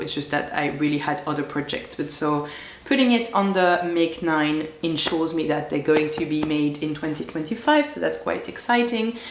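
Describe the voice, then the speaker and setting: A young woman with a cold, her voice hoarse and deep, chatting casually to camera about her sewing plans in her sewing room, rambling with lots of fillers. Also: roomy sound. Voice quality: deep, croaky voice. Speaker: sewing vlogger.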